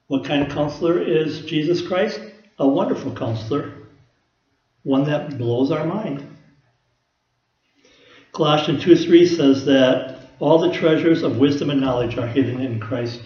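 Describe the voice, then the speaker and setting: A man's voice: medium pitch, dark tone, roomy sound, muffled recording. A man preaching a conversational teaching sermon, explaining scripture with everyday personal examples. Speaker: pastor.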